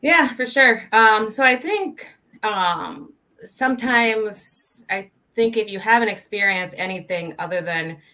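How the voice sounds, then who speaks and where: A woman in her thirties from Colombia, a podcast guest talking earnestly and softly about her life, with frequent ums. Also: medium pitch, expressive, measured pace. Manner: soft-spoken, earnest, many ums. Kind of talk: casual interview.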